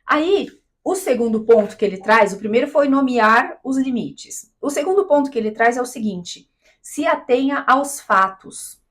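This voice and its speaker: A woman's voice: a little high, animated, moderate pace, fairly bright tone. A woman from Brazil giving an explanatory talk to camera as a coach, didactic, checking in with her listener often. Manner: didactic, checks in with "tá?" and "né?", acts out quoted voices. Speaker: business and mindset coach.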